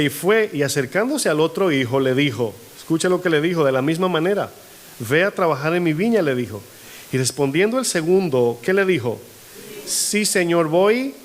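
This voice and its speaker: A man with a fairly high-pitched voice preaches to his church. He stops often to ask the congregation questions. He plays out quoted people with lifted pitch. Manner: asks the congregation frequent call-and-response questions. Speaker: pastor. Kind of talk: sermon. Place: church hall.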